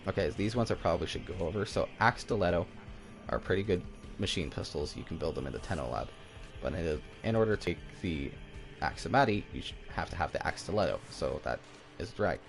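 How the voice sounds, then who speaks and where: A man's voice: deep voice, animated, a little fast, creaky, soft background music. A man giving casual video game commentary, rambling along and often stumbling and repeating himself. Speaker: gaming YouTuber.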